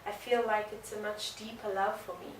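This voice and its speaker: A South African woman in her early twenties, a guest dancer, answers questions in a conversational interview at an indoor art venue. Her medium-pitched voice sounds earnest and reflective, often pausing on fillers. A distant mic picks her up in an echoey room over steady background noise.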